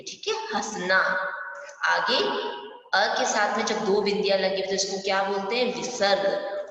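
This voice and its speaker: A woman's voice: medium pitch, a bit bright, recorded from a distance. A woman teacher leads a primary school language lesson, patiently working through each point and asking questions along the way. She sounds set back from the microphone in a very echoey room with a long tail of reverb, and the sound is somewhat dull. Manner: patient, explains step by step with frequent questions to pupils. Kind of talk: online class lesson.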